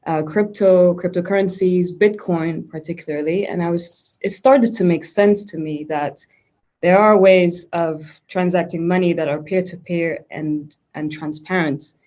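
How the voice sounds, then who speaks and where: A woman's voice: lowish voice, fairly even intonation, unhurried, mellow. A woman from Switzerland, a guest in a conversational interview, talking thoughtfully with frequent restarts. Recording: dull lo-fi sound.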